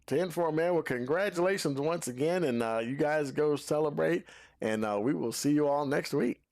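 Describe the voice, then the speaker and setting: A man hosts a sim racing broadcast, handling post-race interviews and reading out the results. He sounds out of breath and talks in a folksy, drawn-out way with many "uh" fillers. His voice is a little high with a darkish tone.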